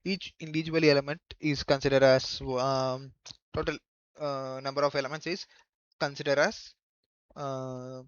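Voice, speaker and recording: A man giving a coding tutorial in a halting way, thinking aloud as he goes. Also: medium pitch, flat delivery, clear, resonant tone, no room sound. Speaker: programming tutor. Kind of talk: screen-recorded coding tutorial. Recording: dull lo-fi microphone.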